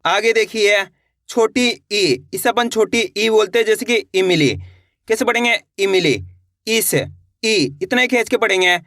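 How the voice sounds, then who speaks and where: A man teaching a beginners' online class, asking questions and answering them himself, drawing out each vowel sound slowly and patiently. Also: high-pitched, pushed and bright, no room sound, studio quality. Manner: slow, patient. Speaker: Hindi teacher.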